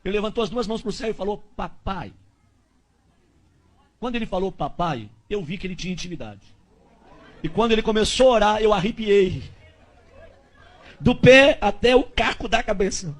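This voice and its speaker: A male pastor preaching a testimony with a very high voice. He tells it fast and animated, acting out the people in the story as he goes. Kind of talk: sermon testimony.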